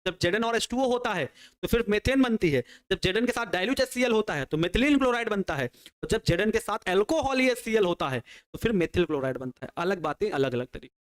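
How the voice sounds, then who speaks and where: A man with a high-sitting, expressive voice teaches chemistry online for exam prep, speaking fast with hardly any pauses. He works through reactions step by step at a working pace, asking questions and answering them himself for the students.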